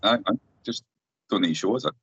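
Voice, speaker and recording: A man co-hosting a podcast in casual chat, making quick, dry asides. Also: lowish voice, a bit bright, husky, no echo. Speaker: podcast co-host. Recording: dull, dry lo-fi audio.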